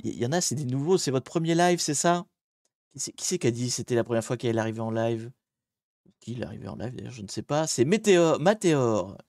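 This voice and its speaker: A man hosting a casual live hacking stream from a home green-screen setup, lively and joking as he greets viewers one by one on a desk microphone. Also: medium pitch, fast, no room sound, studio quality.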